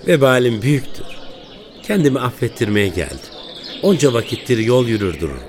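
An actor playing a humble, devout wandering dervish in a radio play, speaking respectfully. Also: male voice, medium pitch, sing-song, brisk, slight background noise, lightly acted. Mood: contrite. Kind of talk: radio theatre acting.

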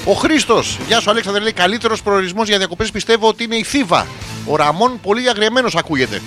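A man's voice: sits high, lively intonation, music in the background. A man in his forties hosting a comedic radio show, rambling crudely through listener messages with sudden outbursts. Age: 40s. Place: radio studio.

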